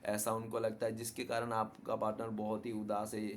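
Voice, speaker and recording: Man, tarot reader, chatty, talks to viewers, flat pitch, faint background noise. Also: moderate pace. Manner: chatty, repeats "ठीक है ना" as a tag. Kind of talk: casual tarot reading to viewers.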